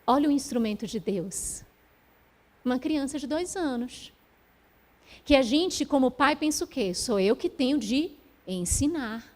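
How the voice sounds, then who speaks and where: A middle-aged woman giving a spiritual talk, telling a personal story gently and from the heart, with pauses. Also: high-pitched, expressive. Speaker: spiritual speaker.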